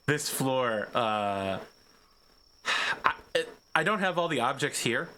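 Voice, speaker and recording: A man's voice: mid-range voice, animated, slow, sharp tone. A man casually narrating a tabletop game as game master. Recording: faint background noise.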